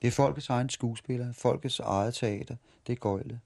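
In a storytelling interview, a forty-something street performer from Denmark recalls his past, stumbling through restarts and repeated words. He has a gravelly, mid-range voice with a darkish tone.

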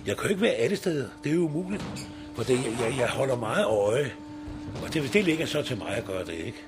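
A man's voice: mid-range voice, big pitch swings, music in the background. A man in his sixties, a recycling site worker, talking casually in an interview and rambling with tag questions.

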